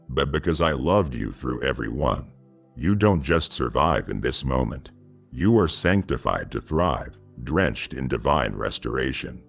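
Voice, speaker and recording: A man giving scripted devotional narration in the voice of God, solemn and measured, speaking intimately to the listener. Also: extremely low pitch, gravelly, breathy edge.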